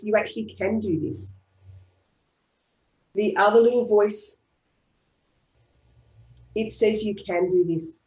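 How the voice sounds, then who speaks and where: Australian woman, tapping practitioner; calm, repetitive guided affirmations; mid-pitched voice; roomy, echoey sound on an online call. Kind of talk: guided group tapping session. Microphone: online video call. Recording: roomy echo.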